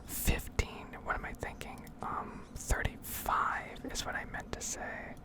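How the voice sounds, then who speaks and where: This is a gaming ASMR video creator, a woman narrating gameplay in a soft, breathy whisper with leisurely, rambling remarks.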